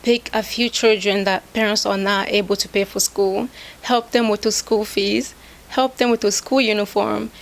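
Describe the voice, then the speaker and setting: A woman's voice: medium pitch, fairly even intonation, measured pace, gravelly. A woman pageant contestant answering interview questions in earnest, simple sentences.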